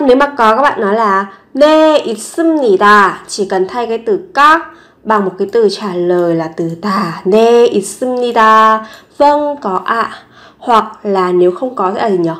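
A woman's voice: medium pitch, fairly bright tone. A woman teaching a language lesson, explaining step by step and repeating each example sentence several times.

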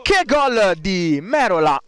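A man giving excitable futsal highlights commentary as a sports commentator, building into drawn-out cries on goals. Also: a crowd in the background.

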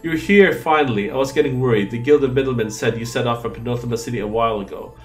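A man's voice: medium pitch, fast talker, faint music behind, natural voice. A man voicing a worried, eager young first-year wizard student in a fantasy game. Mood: anxious.

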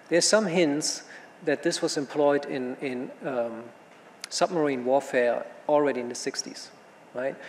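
Male panelist, gravelly, halting and thinking aloud, recorded in a reverberant hall. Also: fairly high pitch. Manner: thinking aloud, with many fillers and restarts. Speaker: panel speaker. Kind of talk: panel talk answering questions. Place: conference room. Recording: hall reverb with faint room noise.

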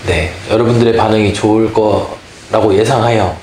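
A woman co-presenting and playing guesser in a party game, throwing out quick guesses and short repeated answers. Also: extremely low pitch, steady tone, echoey room, background noise. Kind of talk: casual game-show banter.

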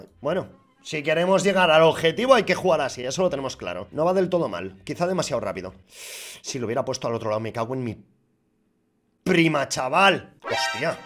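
A man with a Spain Spanish accent giving casual, swear-filled commentary as he opens online skin cases, shouting at big wins. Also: fairly high pitch. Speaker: gaming YouTuber.

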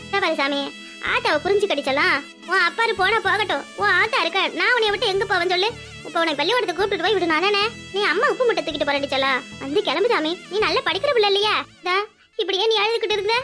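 A very high, bright, rapid voice of a harried village mother, played by a woman in a cartoon, switching between scolding her children and coaxing them with dialect endearments. She speaks with a southern Tamil accent from Tirunelveli, over faint music. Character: weary, devoted village mother of three. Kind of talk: cartoon voice acting.

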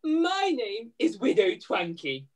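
A woman playing high, swooping Widow Twankey, pantomime dame. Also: huge pitch swings, slow pace, full character voice. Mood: plaintive, showy. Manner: exaggerated, plaintive, addressing the audience. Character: downtrodden, blustering widowed laundry mother, pantomime dame. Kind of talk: hammy pantomime acting. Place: room at home, video call.

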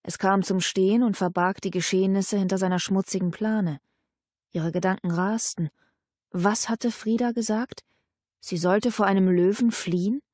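A woman reading a historical novel as an audiobook narrator, with steady storytelling delivery on a close studio mic. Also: medium pitch, normal speed, no echo.

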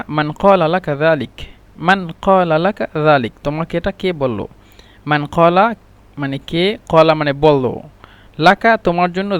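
High-voiced man teaching phrases patiently. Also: clear, resonant tone, no room sound. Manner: explains patiently, repeating each phrase several times. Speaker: Arabic language teacher. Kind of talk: spoken language lesson.

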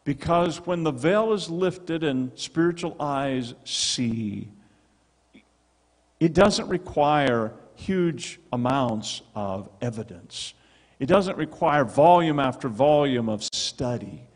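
A middle-aged male pastor preaches with an emphatic, animated delivery into a handheld mic. His voice sits a little high and swings widely in pitch. The sound carries a long church-hall reverb. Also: slow pace. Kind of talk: sermon. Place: church sanctuary with stone wall and projection screen. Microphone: handheld microphone.

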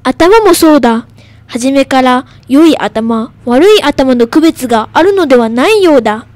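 A woman's voice: high-pitched, expressive, measured pace, a little mellow, dry recording. A young girl, a radio guest, carefully reading a school poem aloud, a little nervous.

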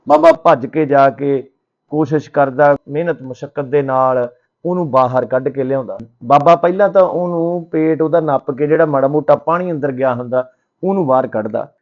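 A man's voice: on the high side, highs cut off. A man narrating a motivational story in a plain, conversational way.

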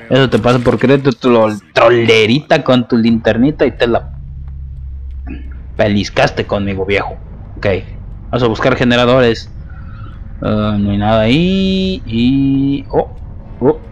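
A man with a Mexican accent commentating his own gameplay live, taunting his opponents with playful trash talk. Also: mid-range voice.

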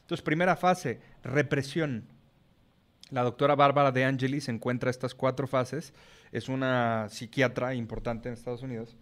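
A man's voice: mid-range voice, fairly even intonation, normal speed, a bit bright. Frank Mexican man, casual swearing. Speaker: podcast guest. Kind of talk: casual chat.

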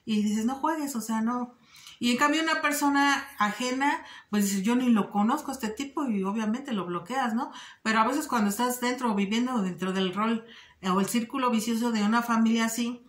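A woman with a slightly high voice speaks earnestly to her viewers in a casual vlog. She talks directly to the audience and often stops on little fillers as she thinks. The room is noticeably roomy and echoey around her. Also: fairly bright tone. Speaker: vlogger giving advice. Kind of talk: casual direct-to-camera talk.

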